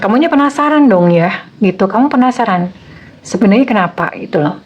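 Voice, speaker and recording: A woman's voice: mid-range voice, a little mellow, muffled recording, a little hiss or hum. Chatty woman doing a tarot reading. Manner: chatty, repetitive fillers, acts out quoted lines. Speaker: tarot reader. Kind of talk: casual tarot reading to viewers.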